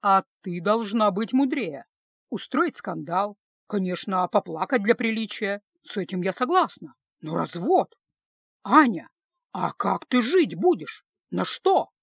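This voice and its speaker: A woman reading the part of a domineering middle-aged mother who scolds her daughter loudly and reproachfully. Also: mid-range voice, expressive, unhurried, creaky, husky, no room sound, studio quality, heavily acted. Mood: lecturing. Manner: loud, lecturing, reproachful.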